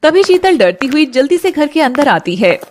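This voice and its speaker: A woman narrating a dramatized story in an expressive, dramatic way. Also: high voice, normal speed.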